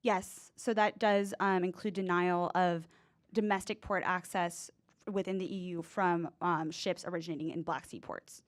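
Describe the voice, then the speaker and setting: A woman's voice: on the low side, steady tone, normal speed. A young adult woman delivering a formal, prepared policy presentation as a student competitor.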